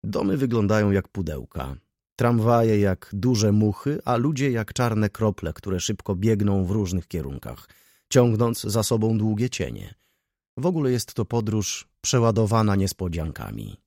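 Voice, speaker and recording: A man voicing a brooding, jealous middle-aged merchant who thinks gloomily and explains calmly in an audiobook. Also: fairly low pitch, a little slow, no echo, studio quality, exaggerated voice. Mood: explaining.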